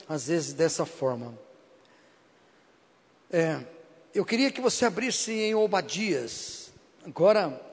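High-voiced Brazilian pastor in an echoing church. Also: male voice, breathy edge. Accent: Brazilian Portuguese. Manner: emphatic, repeats phrases, keeps asking the congregation "Amém?". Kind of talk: sermon with personal testimony. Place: church before a congregation. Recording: long reverb of a church hall.

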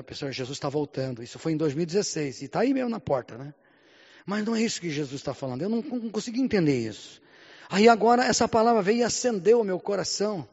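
A Brazilian man preaching a sermon in Portuguese, often calling out "Amém?" and "Glória a Deus", swinging between loud and hushed lines. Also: a little high. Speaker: pastor. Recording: muffled sound with long hall reverb.

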